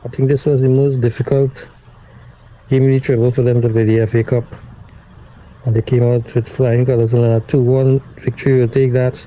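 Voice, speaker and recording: A man's voice: medium pitch, flat delivery. Give me a man's voice note played back over a speaker, dull and lo-fi. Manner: measured, hesitant, with many restarts. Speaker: caller sending a voice note. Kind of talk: voice message. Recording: dull lo-fi playback with faint noise.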